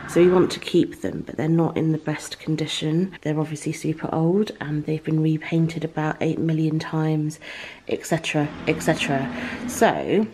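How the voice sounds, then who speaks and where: A chatty British woman in her thirties talks casually to a handheld camera held at arm's length, her voice sitting a little low. A faint hum of background noise runs underneath. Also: a little mellow, poor audio. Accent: British English. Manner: chatty, talking to camera while walking around. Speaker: vlogger. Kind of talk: casual vlog chat. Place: house under renovation, indoors.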